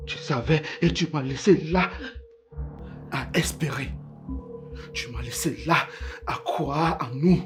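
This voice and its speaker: A man's voice: a little high, takes it slowly, pauses often, music in the background. A man with a Cameroonian French accent playing a hurt, angry young man who feels betrayed, in a web-series drama. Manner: wounded and accusing, bitter.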